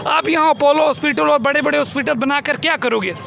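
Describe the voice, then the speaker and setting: A young protest spokesman, standing at an outdoor tent by a busy road with a crowd and traffic around him, urgently pleads with a reporter and repeats lines for emphasis. He speaks quickly in an extremely high, gravelly voice.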